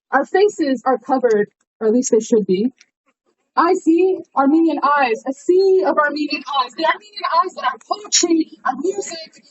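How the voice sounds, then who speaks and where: A woman giving an impassioned, rhythmic protest speech at an outdoor rally. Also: sits high. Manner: rhythmic, rousing oratory. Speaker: rally speaker. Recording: muffled outdoor recording with street noise.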